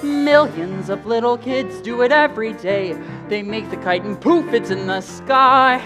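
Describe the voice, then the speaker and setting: Woman as a hapless, fretful boy: slow, self-doubting, a bit high, live musical stage sound with instruments. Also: music in the background, close to an everyday voice. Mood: hopeful singing. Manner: anxious, self-doubting, talks to himself. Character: gloomy hapless young boy, Charlie Brown. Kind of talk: stage musical acting and singing. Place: community theater stage.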